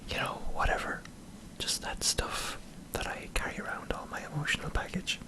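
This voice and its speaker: An Irish man in a hesitant, self-deprecating ASMR ramble, speaking in a breathy whisper close to the microphone. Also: moderate pace, low-quality recording. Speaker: ASMR video creator. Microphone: close microphone in front of a camera.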